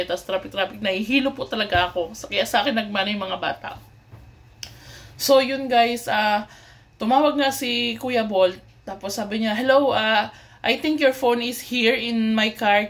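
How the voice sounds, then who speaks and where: A vlogger from the Philippines tells her viewers a story in a casual, chatty way, mixing in English with many fillers and restarts. She is polite and addresses her viewers often. Her voice is medium-pitched and fairly bright.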